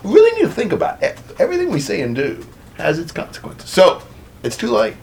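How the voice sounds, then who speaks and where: A man preaching a conversational sermon, retelling a story in an animated, chatty way. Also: sits high, a little fast, creaky, slight background noise.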